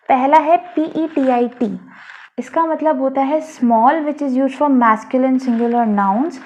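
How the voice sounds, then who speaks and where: A woman teaching French pronunciation in an online lesson, explaining patiently and repeating each example word. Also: high voice. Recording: dull lo-fi, faint noise.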